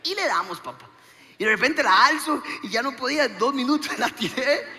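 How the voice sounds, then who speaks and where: A man doing stand-up storytelling, acting out each line of dialogue in an animated way. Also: very high-pitched, normal speed, in a large hall. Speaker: comedian.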